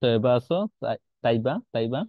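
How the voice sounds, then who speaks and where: This grammar teacher's voice sits in the mid range with little pitch movement, and he talks fairly quickly in a dry recording. Patient in his explanations, he puts questions to his online students and mixes in English words; the class audio is dull and lo-fi.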